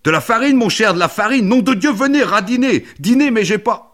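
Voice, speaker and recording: A man's voice: medium pitch, moderate pace, voice pushed up, natural voice. A man voicing a fussy, overly polite male doctor who talks in a raised, flustered voice. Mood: excited. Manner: raised, flustered, placating, then excited shouting.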